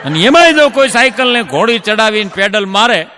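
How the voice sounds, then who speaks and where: High-voiced comedian man. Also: big pitch swings, big-room sound. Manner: storytelling with drawn-out punchlines and "હા?" asides to the crowd. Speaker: stand-up comedian. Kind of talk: Gujarati folk stand-up jokes for a live audience.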